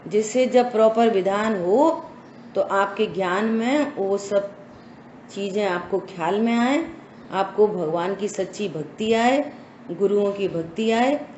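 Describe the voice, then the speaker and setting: A woman's voice: medium pitch, a little mellow, muffled recording, a little hiss or hum. A woman giving a scripture study lesson, speaking emphatically and asking her listeners rhetorical questions. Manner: slow, emphatic instructive delivery with rhetorical questions. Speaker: religious teacher. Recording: echoey room with faint ambience.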